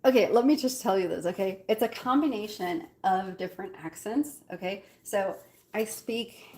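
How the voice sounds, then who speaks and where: A cooking vlogger whose first language is Arabic and who has an Algerian Arabic accent chats casually while baking in her home kitchen, using lots of fillers and giggles. Her voice is medium-pitched with a darkish tone, at normal speed.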